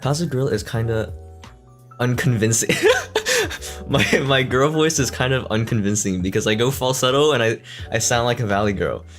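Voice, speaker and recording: A man hosting a casual chat stream, easygoing and quick to laugh, often restarting his words. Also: medium pitch, huge pitch swings, a bit bright, faint music behind. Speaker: streamer host. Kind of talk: casual chat reading fan questions. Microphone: desk mic.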